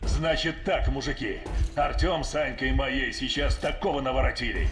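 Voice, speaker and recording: An actor playing a stern middle-aged military colonel in a dramatic video game, authoritative and used to giving orders. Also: male voice, medium pitch, moderate pace, fairly bright tone, faint music behind, close to an everyday voice. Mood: grave, commanding. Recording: echoey, noisy train car game scene.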